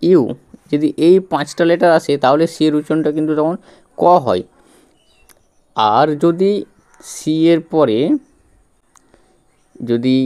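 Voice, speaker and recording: A patient male teacher walks through English spelling letter by letter and keeps checking that his students follow. His voice is smooth and mellow, sitting a little high for a man. He repeats each sound slowly before he moves on. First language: Bengali. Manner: patient, repetitive, spells out letters and quizzes the viewer. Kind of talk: step-by-step spelling lesson.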